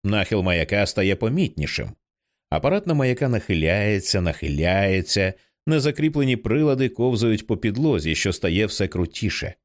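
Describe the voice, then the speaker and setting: A man narrating an audiobook in an expressive reading style, changing his voice for the characters. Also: fairly low pitch, moderate pace. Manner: expressive, acts out many characters. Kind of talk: scripted narration.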